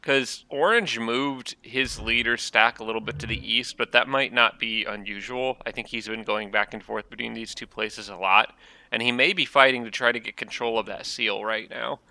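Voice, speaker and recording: On his gaming channel, a congested man with allergies talks his way through a strategy game in a relaxed, thinking-out-loud style, dropping frequent ums. He speaks at normal speed with a medium, steady pitch, vocal fry, and a pushed, bright quality that's a bit nasal, with no echo.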